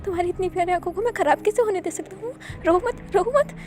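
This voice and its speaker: A woman voicing a deranged male doctor from a fan-fiction story, who rattles off his lines fast and high in a sing-song, clingy insistence. The voice sits well above her own and races, pleading and threatening in the same breath. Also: a little mellow, a little hiss or hum. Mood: shrill frantic. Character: unhinged male doctor obsessed with eyes.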